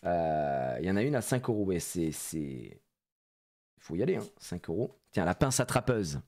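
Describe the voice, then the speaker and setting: A man streaming live as he opens trading cards, excitable, swearing and bantering with his chat. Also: sits low, moderate pace. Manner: excitable, swears, shouts when disappointed; animated, playful banter with chat. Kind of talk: live card-opening stream.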